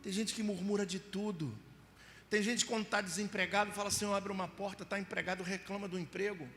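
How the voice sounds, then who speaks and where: High, gravelly Brazilian pastor preaching live. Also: male voice, steady tone, brisk, soft background music. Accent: Brazilian Portuguese. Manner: storytelling, acts out scenes with mock crying and voices, rising to shouts. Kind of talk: sermon. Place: church hall. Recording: live church hall with reverb.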